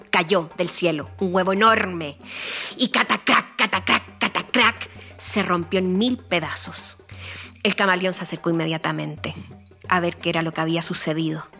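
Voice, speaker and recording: A woman reading a children's story aloud in an expressive, playful way. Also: fairly low pitch, moderate pace, soft background music.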